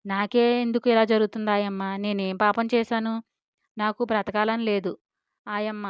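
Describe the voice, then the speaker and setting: Narrator doing a shy tearful young woman, hesitant, smooth tone, dry, slightly dull audio. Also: medium pitch, flat delivery, moderate pace, no echo, lightly acted. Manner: hesitant, plaintive.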